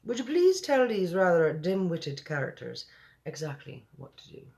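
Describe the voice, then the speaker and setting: A storybook reader voicing a tactful, sensible Queen who gives orders in a brisk, regal manner. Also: medium pitch, big pitch swings, creaky, darkish tone, pitched above the performer's own voice. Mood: courteous, firm. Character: tactful, commanding, sensible Queen, adult woman.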